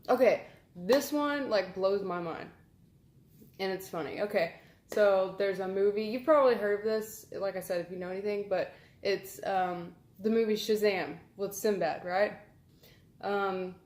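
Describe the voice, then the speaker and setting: A woman's voice: medium pitch, darkish tone. Chatty woman, roomy sound. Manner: rambling, filler-heavy, amused. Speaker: vlogger. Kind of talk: casual chatty vlog. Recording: roomy echo.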